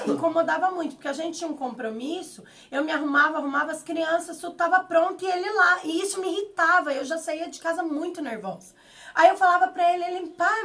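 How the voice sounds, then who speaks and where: Paraná lady pastor chatting, high voice, sits back from the mic. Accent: Paraná Brazilian Portuguese. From Paraná, Brazil. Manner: talkative, expressive, laughs easily. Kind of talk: casual chat. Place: pastor's office. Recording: voice a bit far from the mic.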